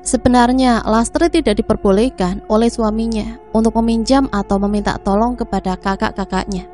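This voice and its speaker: A woman narrating a scripted family drama in a steady, even reading voice. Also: fairly high pitch, moderate pace. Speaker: storyteller. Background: faint music.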